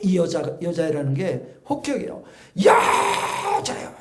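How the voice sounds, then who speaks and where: A male pastor preaching a sermon with impassioned, shouted peaks. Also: very high voice, lively intonation, moderate pace, reverberant. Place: church.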